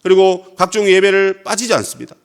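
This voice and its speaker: A man's voice: sits high, a little fast, clean tone. A Korean man preaching a sermon as pastor, acting out scripture quotes dramatically.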